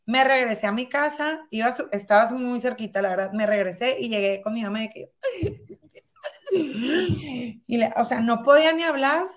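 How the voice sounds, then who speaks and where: A woman in her thirties telling a personal story as a guest in conversation, lively and acting out past dialogue. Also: on the high side, moderate pace, pauses often. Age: 30s.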